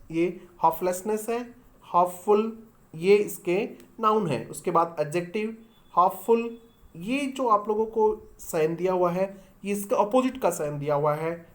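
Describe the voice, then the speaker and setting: A woman teaching an online English lesson, explaining step by step and answering her own questions for her students. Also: mid-range voice. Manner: addresses viewers as students.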